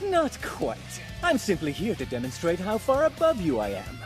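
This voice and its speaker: A self-styled holy knight from an anime dub, devoted and zealous. He makes righteous paladin declarations in a very high, theatrically swinging voice. His speech is formal and pompous, with music underneath. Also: wildly swooping pitch, normal speed. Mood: haughty.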